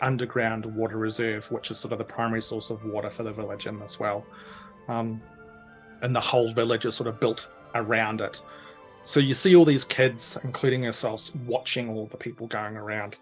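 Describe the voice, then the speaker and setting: A young man narrating as game master, rambling with lots of fillers. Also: medium pitch. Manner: rambling, many fillers, chuckling.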